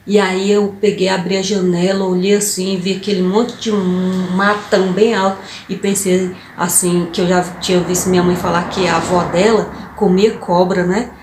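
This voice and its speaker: Female vlogger, lively storyteller who talks straight to viewers, in a roomy space. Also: on the low side, moderate pace, a little hiss or hum. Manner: animated, addresses viewers as "gente", acts out quoted voices. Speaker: vlogger telling her life story.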